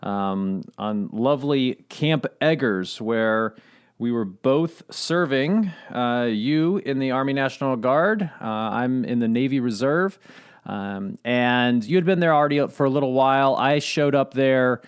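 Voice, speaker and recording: Middle-aged guy cohosting a podcast, relaxed and chatty, laughs a lot, medium voice. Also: mid-range voice, measured pace, clean tone. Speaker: podcast co-host. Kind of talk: casual conversational podcast.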